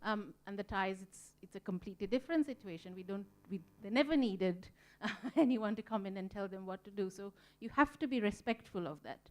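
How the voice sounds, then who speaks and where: A woman from Sri Lanka, a museum volunteer, speaks on a panel in a conference room. Her mid-range voice moves a little fast with few pauses, and she is earnest and reflective, often saying "um" as she thinks.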